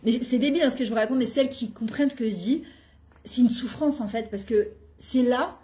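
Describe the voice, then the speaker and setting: A middle-aged woman who weaves into her talk. She tells personal stories in a lively way and acts out the dialogue. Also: a little high, brisk. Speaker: guest speaker on women's talk show. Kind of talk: animated personal storytelling.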